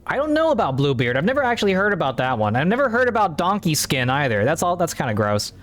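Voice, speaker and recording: A man's voice: fairly high pitch, wildly swooping pitch, quick pace, a bit bright. A man streaming a story game, talking in a rambling, offhand way and swearing casually. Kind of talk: casual let's-play commentary.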